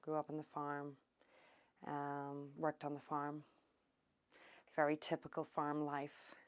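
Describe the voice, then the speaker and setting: Brief: woman from Ireland, middle-aged, low voice, unhurried, thoughtful interview answers. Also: monotone. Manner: unhurried, thoughtful, with many ums. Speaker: oral history interviewee. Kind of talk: reminiscing interview.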